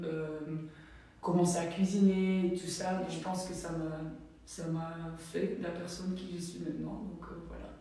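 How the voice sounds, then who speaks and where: Her voice sits on the low side and sounds warm, with a little hiss or hum in the audio. She's a young Belgian volleyball player speaking with a Flemish accent, chatting loosely with plenty of fillers while showing off her home, captured from a distance in an echoey room.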